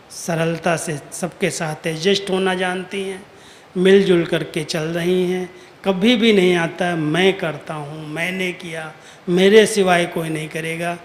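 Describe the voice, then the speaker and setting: A man giving an earnest, admonishing spiritual discourse, quoting imagined listeners to make his points. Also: sits high. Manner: earnest, admonishing, with rhetorical quotes. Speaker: spiritual teacher. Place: large hall at a retreat. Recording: echoey hall with faint noise.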